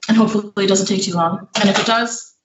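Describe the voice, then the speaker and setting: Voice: medium pitch, steady tone, fast talker, recorded from a distance, highs cut off, slight background noise. A home baker walking through a recipe in a live cooking demonstration, explaining each step in a chatty way with fillers while working, a little out of breath. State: slightly out of breath. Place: home kitchen. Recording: echoey kitchen, speaker away from mic.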